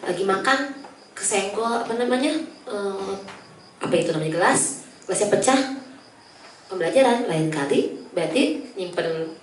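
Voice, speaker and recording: A young woman who is a children's educator, chatting casually and telling lively stories, laughing often and acting out children's voices. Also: medium pitch, normal speed, pauses often. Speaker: guest speaker, children's educator. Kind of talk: casual talk show chat. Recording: echoey room, distant mic, faint noise.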